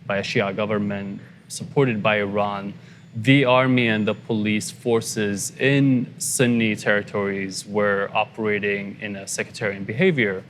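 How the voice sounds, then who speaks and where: Journalist, man about thirty, from Iraq; low-ish voice, thoughtful, stop-start delivery, faint room hum. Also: steady tone, a bit bright. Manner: halting, thoughtful, frequent restarts. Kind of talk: interview conversation.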